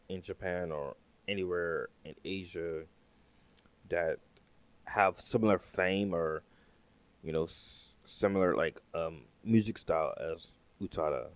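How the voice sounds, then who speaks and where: A man's voice: deep voice, a little mellow, no echo. A man hosting a reaction video, talking casually and hesitantly, often repeating himself.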